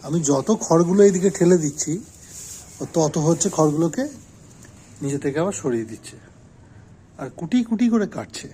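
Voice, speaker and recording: A man's voice: a little high, lively intonation, moderate pace, pauses often, dark tone, a little hiss or hum. Man teasing and scolding his pet rabbit. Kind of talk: casual talk to a pet and the camera. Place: rabbit enclosure with straw bedding.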